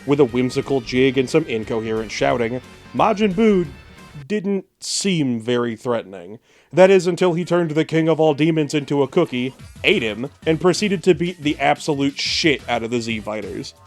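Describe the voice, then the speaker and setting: A man's voice: mid-range voice, animated, normal speed. A man co-hosting with scripted narration, telling the story with a wry edge. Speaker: show co-host. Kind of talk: scripted versus-show narration. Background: faint background music.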